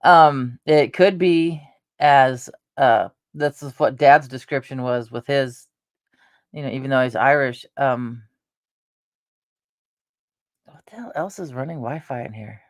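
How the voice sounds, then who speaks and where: Slow, rambling woman in her fifties. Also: extremely low pitch, no room sound, clean studio sound. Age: 50s. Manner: meandering, with frequent hesitations and restarts. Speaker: channel host. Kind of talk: rambling casual chat.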